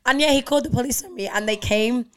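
A young woman from Liverpool co-hosting a podcast, telling animated stories about her strict parents in casual chat. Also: a little high, quick pace. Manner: animated storytelling, acts out her parents in voices. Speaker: podcast co-host.

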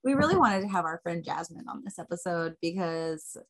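A young woman co-hosting a podcast, chatty and casual, quick to react and swears now and then. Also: lowish voice, expressive. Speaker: podcast co-host. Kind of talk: casual chat.

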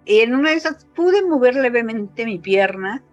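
Her pitch here is fairly high and animated, at normal speed, with the recording muffled and soft music playing. The Mexican-accented woman in her fifties tells an emotional story as a casual interview guest, using many fillers and raising her voice whenever she quotes someone.

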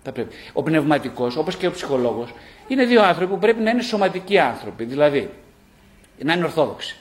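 Animated man with echoey sound. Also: a little high. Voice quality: lively, speaks in short repeated phrases with rhetorical questions. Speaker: psychologist and psychotherapist, author. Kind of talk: live talk to an audience. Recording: echoey room.

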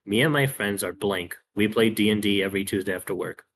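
A man co-hosting a casual chat, relaxed, reading out listener questions. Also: fairly low pitch, fairly quick. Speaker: podcast co-host reading questions.

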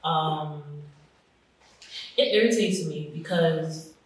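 Animated young woman, roomy and distant. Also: low-pitched, takes it slowly. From Florida, raised in New York. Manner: animated, laughing, swears freely. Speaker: podcast co-host. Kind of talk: casual chat. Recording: roomy echo, distant mic.

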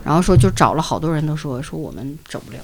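A woman with a Northeastern Mandarin accent narrates an eerie tale in a lowish voice that rises and falls dramatically. She is blunt and earthy, swears freely, and mimics voices and sound effects. A faint hiss sits under the recording. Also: very animated, fast, gravelly. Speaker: podcast co-host. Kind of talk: ghost story telling in a casual chat.

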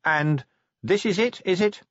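A man's voice: sits high, measured pace, dull audio, voice pushed up. A man voicing Vimes, an exhausted, stubborn, injured watchman, in an audiobook reading. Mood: pressing. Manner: strained, pressing questions.

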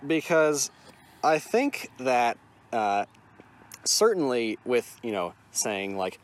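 A man's voice: mid-range voice, very animated. Sweary man chatting on a podcast. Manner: sweary, halting with repeats. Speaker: podcast co-host. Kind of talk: casual podcast chat.

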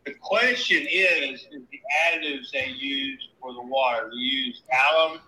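A man's voice: mid-range voice, measured pace, sharp tone. Man, heard over phone speaker, echoey roomy sound, plain matter-of-fact explaining. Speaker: caller, water treatment plant worker.

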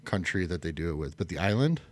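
A man's voice: sits low, very animated, fast talker. A man co-hosting a casual podcast chat, rambling and correcting himself as he goes. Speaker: podcast co-host.

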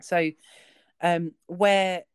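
Low-voiced southern English woman chatting. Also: steady tone, very slow, clear, resonant tone, no room sound. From south of England. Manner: rambling, anecdotal, many ums. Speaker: podcast co-host. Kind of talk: casual chat.

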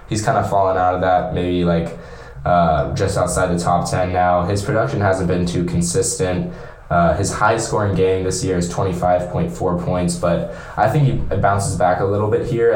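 A man co-hosting a casual chat, relaxed and heavy on filler words, recorded in an echoey bathroom-like small room. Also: sits low. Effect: echoey bathroom-like room sound. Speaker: co-host.

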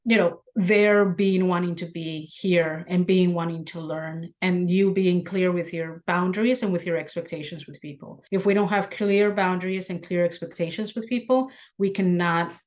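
A woman who owns an auto repair shop, answering interview questions in an earnest, candid way and getting animated when she retells workplace scenes. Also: fairly low pitch, normal speed, few pauses. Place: Seattle.

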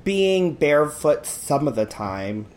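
Podcast co-host, giggly and rambling, with a lively, swooping pitch. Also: takes it slowly. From rural area. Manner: giggly, laughs often, rambling with many fillers. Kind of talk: casual chat.

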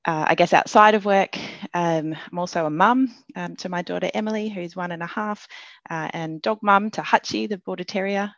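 A woman's voice: on the low side, moderate pace, fairly bright tone, dry recording, muffled recording. A woman in her thirties in Melbourne, guesting on a podcast, talking in an upbeat way with frequent ums. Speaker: guest, company managing director. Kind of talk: conversational interview. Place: Melbourne, Australia.

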